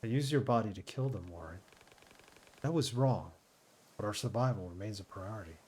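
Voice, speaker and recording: A man voicing a calm, flat male computer AI, reading in-game lines slowly and without emotion. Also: on the low side, a little hiss or hum, voice pushed down, close to an everyday voice. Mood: calm, cold. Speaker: gamer reading in-game dialogue.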